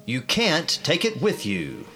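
A man's bright, lively announcer voice rings out through a digital echo effect. He draws each title out slowly and grandly as he announces nominees, and faint music plays underneath. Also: mid-range voice. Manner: slow, showy announcer reading. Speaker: podcast host.

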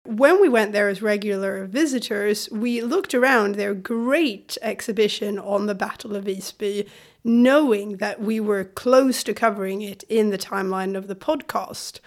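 A woman from Sweden co-hosting a podcast in a conversational way, her voice gravelly from a cold. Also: mid-range voice, unhurried. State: has a cold. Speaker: podcast co-host.

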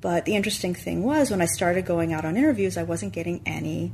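Animated woman telling a story. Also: on the low side, fast talker, creaky, a little hiss or hum. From Long Island, New York. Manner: animated, acts out quoted dialogue. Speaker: guest. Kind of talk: casual storytelling interview.

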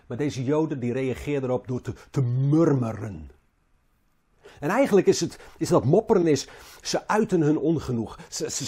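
Husky, mellow preacher. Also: male voice, mid-range voice. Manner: halting, repeats words, rises and falls in emphasis. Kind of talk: sermon.

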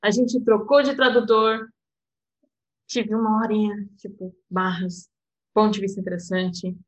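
Her voice is medium-pitched, flat, and measured, captured in a rough recording. This Portuguese interpreter, a guest with a European Portuguese accent, talks reflectively about personal matters in a relaxed conversation, frequently laughing and tacking on "sabe?"

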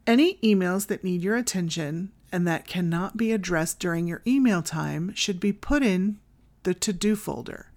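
A woman with a somewhat low voice presents a solo advice podcast. She reads from a script in a tidy, instructional manner. Her guidance comes as short, clear directives. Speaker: podcast host.

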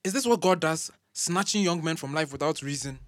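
A man's voice: a little high, fairly quick, a bit bright, no room sound, close to an everyday voice. An actor playing a middle-aged professor and doctor, a proud father who is shaken and defensive after losing his son.

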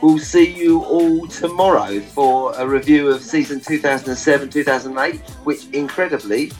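A man's voice: on the high side, normal speed, soft background music, rough recording. A man with an Essex accent, hosting a podcast in a casual, chatty style. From Essex, England. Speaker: podcast host. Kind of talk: casual chat.

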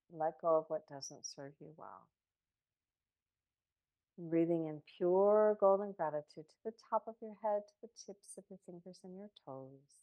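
Female meditation guide, lower-pitched, calm meditative delivery for a podcast breathing exercise. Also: rough recording. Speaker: podcast host.

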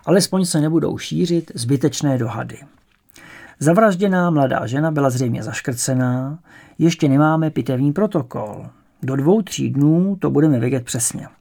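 A man's voice: fairly high pitch, lively intonation, gravelly, a little mellow. A man voicing a nervous but formal police sergeant speaking in a ceremonious, earnest way in an audiobook.

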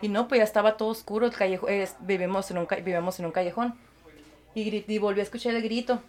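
A woman, a guest recounting her experiences and acting out the voices of others in lively conversation. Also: mid-range voice, fast. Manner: animated, acts out quoted voices, laughs easily. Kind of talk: storytelling in conversation.

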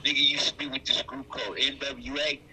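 A man's voice: mid-range voice, fairly even intonation, fairly quick, bright, forceful tone, slight background noise, rough recording. A man in his sixties, a regular on a casual podcast, talking loosely and emphatically over a video call. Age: 60s. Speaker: co-host.

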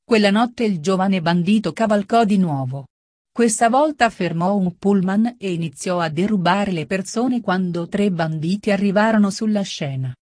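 A woman reading a translated story aloud in a plain, even storybook manner. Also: mid-range voice, moderate pace, no room sound, clean studio sound. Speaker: reader.

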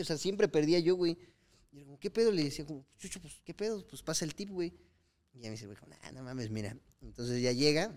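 A man with a Mexican accent in casual podcast chat, telling stories full of slang and acting out the quoted lines of people in them. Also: on the high side. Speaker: podcast co-host.

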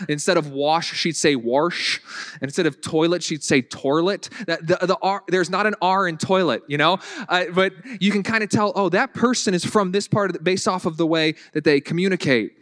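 Southern-accented male pastor, slightly high voice, chatty sermon with restarts and dry humor. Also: a little fast, hardly any pauses, a bit bright. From Virginia. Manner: conversational, repeats words and restarts, dry humor.

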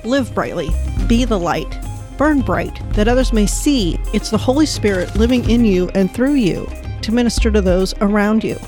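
A woman's voice: mid-range voice, lively intonation, normal speed, darkish tone, faint music behind. A woman hosting a devotional podcast, speaking in an earnest, prayerful way and narrating a children's story. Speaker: podcast host.

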